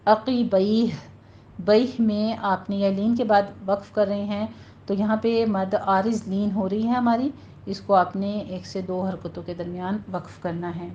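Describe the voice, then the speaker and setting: A woman with a Pakistani Urdu accent teaching Quran recitation, patiently explaining each sound step by step and modeling it slowly. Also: medium pitch, flat delivery, mellow. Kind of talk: recorded tajweed lesson. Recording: muffled lo-fi recording with faint hiss.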